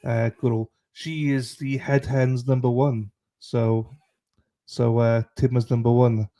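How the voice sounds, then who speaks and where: Male livestream host, matey and irreverent, dark relaxed tone, casual chatty delivery. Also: medium pitch, slow. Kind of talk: casual chat with live stream viewers.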